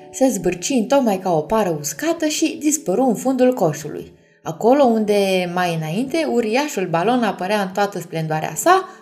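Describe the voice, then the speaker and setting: A woman reads a bedtime story aloud in a gentle voice, speaking to the children listening. Her pitch moves in a lively, expressive way. Faint music plays underneath.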